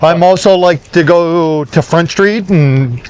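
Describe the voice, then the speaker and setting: Guy hosting a walk and talk podcast outside, kinda high voice, chatty, lots of yeah yeah yeah. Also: a little mellow, clear, resonant tone. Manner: upbeat, quick affirmations, exclaims "no way". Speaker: podcast host. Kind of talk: casual outdoor walk-and-talk chat. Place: outdoors on a country road.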